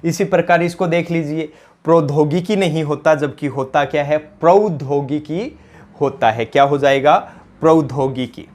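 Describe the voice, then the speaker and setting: A man's voice: on the high side, steady tone, moderate pace. Man with a Rajasthani accent, drilling a grammar lesson. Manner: drills answers by repeating questions; addresses students as "companions". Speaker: teacher. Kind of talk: exam-prep grammar lesson.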